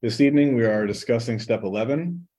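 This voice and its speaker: A man chairing a meeting, reading scripted announcements and passages aloud in a formal, slightly halting way. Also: medium pitch, expressive, dark tone, slightly rough.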